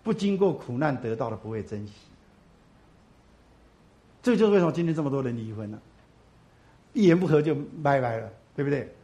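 A pastor preaching to his congregation. He asks questions and answers them himself, swinging from loud emphatic bursts to low, soft asides. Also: lively intonation, fairly quick, long pauses. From Taiwan. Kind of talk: sermon.

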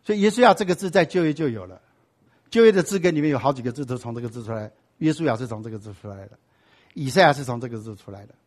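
A man's voice: mid-range voice, lively intonation, very fast. A man teaching a sermon-style Bible class. He keeps asking the class rhetorical questions and drops in English and Hebrew words.

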